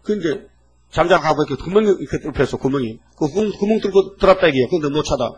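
An elderly male pastor in his eighties delivers a sermon with a voice sitting a little high for a man. He preaches in a lively, folksy manner, constantly pulling the listeners in with quick rhetorical questions. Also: slight background noise, low-quality recording. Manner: animated, folksy preaching with frequent rhetorical "eh?" checks.

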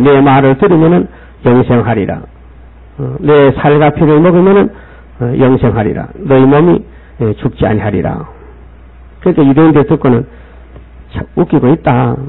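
A male pastor, preaching and scolding the congregation with rhetorical questions. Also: medium pitch. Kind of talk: sermon. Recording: tinny phone-like sound.

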